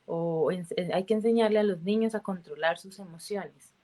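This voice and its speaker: A woman's voice: medium pitch, normal speed, warm tone. A woman hosting an interview, talking conversationally and posing questions with tags like "¿no?" and "¿cierto?". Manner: conversational, asks with tag questions. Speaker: host.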